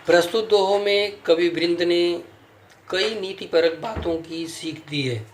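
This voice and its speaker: A man gives a classroom lesson at a very slow, careful pace. His voice sits a little high for a man, and he breaks words into sounds and counts them out one by one. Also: reverberant, slight background noise. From India. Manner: slow, counts syllables aloud and spells sounds out. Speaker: teacher.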